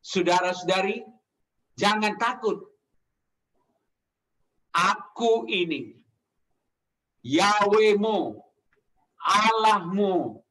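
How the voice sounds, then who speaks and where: A preacher voicing a calm, reassuring Jesus. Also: male voice, high-pitched, far from the mic, heavily acted, rough recording. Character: calm, reassuring Jesus, grown man, gentle.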